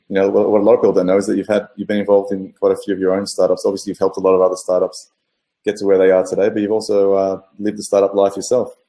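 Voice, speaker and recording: A man's voice: on the low side, warm tone. A man hosting a podcast, asking long rambling questions with many fillers in a casual interview. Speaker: podcast host.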